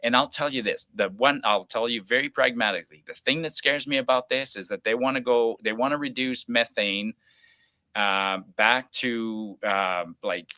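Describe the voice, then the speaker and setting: A man's voice: medium pitch, bright, forceful tone, no room sound. A middle-aged man from Alberta hosting a call-in radio show, talking in a folksy, pragmatic way with frequent restarts and asides. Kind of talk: opinionated talk radio monologue.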